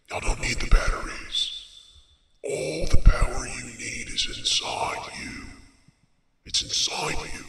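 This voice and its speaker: A man voicing a booming, disembodied male spirit with a long echo, soothing the listeners in a half-whispered tone. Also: gravelly, pushed and bright, distant mic, exaggerated voice. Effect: booming voice with long echoing reverb. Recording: echoey reverberant hall, faint noise.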